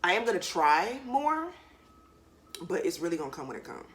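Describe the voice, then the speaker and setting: A young woman vlogging to camera, talking in a candid, relaxed way with loose slang and lots of fillers while she eats. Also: on the low side, normal speed. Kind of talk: casual chat to camera.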